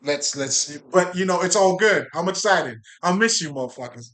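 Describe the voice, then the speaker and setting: Animated and high-pitched with a fairly bright tone at a moderate pace, a man from Haiti addresses his viewers in a loose monologue on spirituality. The spiritual video creator is casual and profane, frequently laughing and repeating himself.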